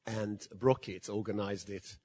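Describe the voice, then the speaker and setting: A man's voice: fairly low pitch, steady tone, unhurried, dark tone, slightly rough. An older man from Hungary giving a lecture, telling stories in a dry, self-deprecating way. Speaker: guest speaker. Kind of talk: anecdotal lecture. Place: museum lecture hall.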